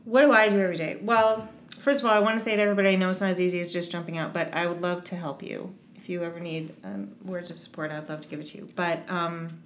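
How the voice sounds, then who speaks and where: Earnest, encouraging woman with a lowish voice. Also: fairly even intonation, quick pace, few pauses, roomy sound, slight background noise. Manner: earnest, encouraging, rambling with many restarts. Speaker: guest, eating disorder advocate. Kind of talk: casual interview conversation.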